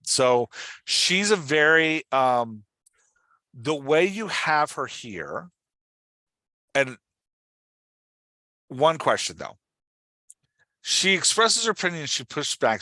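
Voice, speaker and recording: A podcast host coaches an author on dialogue in a casual one-on-one talk, direct and instructive, often checking that he's understood. His medium-pitched voice is bright and forceful, recorded dry.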